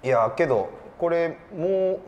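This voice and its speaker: A man hosting a casual game stream, animated and laughing often, reading out viewer comments. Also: fairly high pitch, a little slow, highs cut off, a little hiss or hum. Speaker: stream host.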